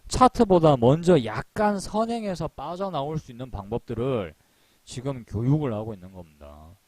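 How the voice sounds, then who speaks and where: A middle-aged man teaches a stock market class in an animated, talkative way. His voice sits at an ordinary middle pitch. The sound is dry and close, with no room around it. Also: moderate pace, dry recording. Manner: animated, acts out little scenes in put-on voices. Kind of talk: live-streamed lecture.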